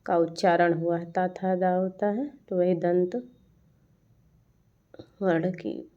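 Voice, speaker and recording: A woman teaching a Hindi grammar lesson, reciting verse lines slowly and then explaining them. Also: mid-range voice, mellow. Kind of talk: lecture on poetic figures of speech. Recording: dull lo-fi sound.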